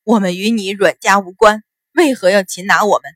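A woman's voice: mid-range voice, fairly even intonation, moderate pace, a bit bright, slightly rough, no room sound, clean studio sound. A woman voicing a male accomplice who defends himself with forced defiance in an audiobook. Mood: defensive.

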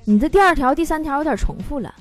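A woman's voice: high voice, expressive, very fast. Northeast woman teasing on a talk show. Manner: teasing, sharp-tongued, laughs between jokes. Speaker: talk show host reading listener messages. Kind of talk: comic radio talk show. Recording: studio voice over music.

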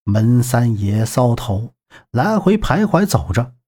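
A male narrator reads an adventure audiobook in a dramatic, expressive style. His pitch rises and falls vividly as he tells the story. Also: slow, husky. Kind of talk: scripted narration.

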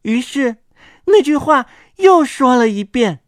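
A woman narrates a children's story slowly in a fairly high voice with lively pitch. The sound is close and dry, with no room echo. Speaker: co-host storyteller.

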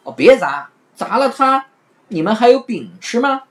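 A man's voice: big pitch swings, normal speed, exaggerated voice. Afanti, a woman doing a sly trickster man. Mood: playful. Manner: playful, loud and high. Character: clever witty trickster man, teasing.

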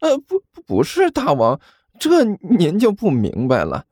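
A man voicing an excitable, stammering male low-rank demon servant who gushes about his idols. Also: unhurried, exaggerated voice. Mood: eager. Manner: stammering, breathless and gushing.

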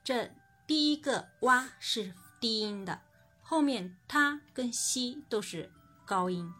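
A woman teaching a recorded language lesson. She explains patiently, then says each example word slowly and clearly. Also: fairly high pitch, lively intonation, bright, forceful tone, soft background music.

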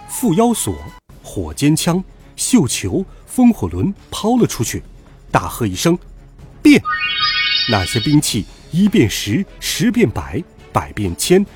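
A man narrating a storybook with a lively, dramatic reading. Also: mid-range voice.

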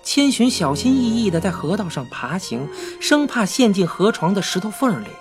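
A woman narrating a storybook in a lively, dramatic style. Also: medium pitch, normal speed, over music. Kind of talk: expressive audiobook narration.

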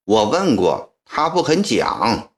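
A man's voice: medium pitch, big pitch swings, slow pace. A man voicing a terse garrison officer. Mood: defensive. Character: male naval garrison officer, defensive.

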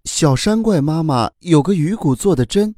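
Weepy young bat spirit voiced by a man, raised pitch, pleading and apologetic, children's story. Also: expressive, normal speed, warm tone, dry recording, clean studio sound.

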